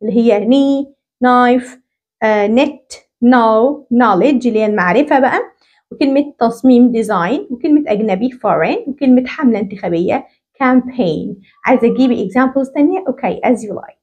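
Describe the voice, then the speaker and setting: A woman with an Egyptian accent giving a teacher-training English lesson. She asks questions and answers them herself, and repeats English words slowly. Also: on the high side, breathy edge, highs cut off. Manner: animated, drawing out English words slowly for repetition.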